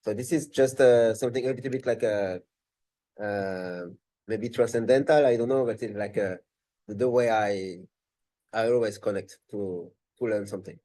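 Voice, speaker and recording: A man's voice: lowish voice, normal speed, warm tone, rough recording. A man with a French accent, a language tutor talking in a live webinar, thinking aloud and rephrasing as he goes.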